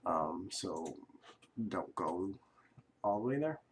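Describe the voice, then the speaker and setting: Low-voiced sick man explaining software. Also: slow pace, a little hiss or hum. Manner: relaxed, rambling, self-correcting with fillers. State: sick, coughing. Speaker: software tutorial host. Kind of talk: casual screen-recorded tutorial.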